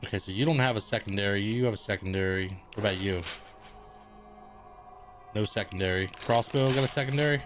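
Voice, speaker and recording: A man's voice: on the low side, brisk, pauses often, faint music behind. A man streaming a video game, chatting casually, thinking aloud and swearing freely. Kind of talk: casual gaming livestream commentary.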